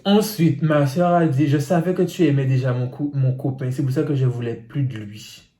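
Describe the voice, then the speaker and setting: A man's voice: medium pitch, moderate pace, mellow. A man reading out viewer secrets on his phone and reacting to them with teasing asides. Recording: roomy echo.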